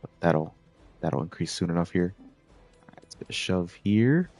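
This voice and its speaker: A man giving relaxed, rambling commentary while playing a video game, with plenty of filler words. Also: low voice, measured pace, vocal fry, faint music behind. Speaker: gameplay commentator. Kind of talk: casual gameplay commentary.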